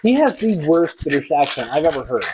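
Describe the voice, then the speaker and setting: Lively, teasing male podcast co-host. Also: on the high side, a little fast, noisy background. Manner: teasing, wry banter. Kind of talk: casual chat.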